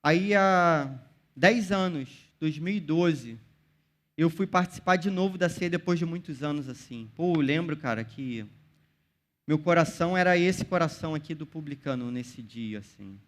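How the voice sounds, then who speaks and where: A man's voice: fairly high pitch, lively intonation, normal speed. A young man with a Brazilian Portuguese accent preaching a casual youth sermon, full of slang and direct address to the listeners. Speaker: youth pastor.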